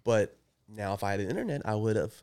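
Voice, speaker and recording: A man's voice: on the low side, expressive, fast, darkish tone, clean tone. A man in his thirties co-hosting a podcast, telling rambling stories and swearing freely in casual chat. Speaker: podcast co-host.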